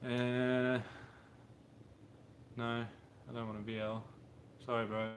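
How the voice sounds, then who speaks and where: A Brisbane man in his thirties with an Australian accent chats on a livestream from his home mechanic workshop, where a car sits on a hoist. He's laid-back, slangy, and rambling as he answers viewers, speaking slowly in a medium-pitched voice with little pitch movement over some background noise.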